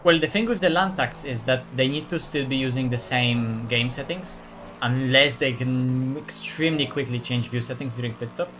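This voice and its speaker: A man streams a sim race, trading jokes with his teammates over voice chat and quickly calling out hazards as a spotter. His mid-range voice is a bit bright, with a little hiss or hum in the audio.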